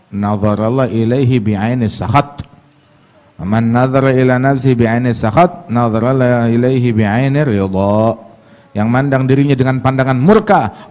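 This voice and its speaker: A man preaching a sermon. He talks emphatically, leaps up in pitch to mock, and slows right down to recite Arabic sayings. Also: darkish tone. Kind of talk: religious sermon.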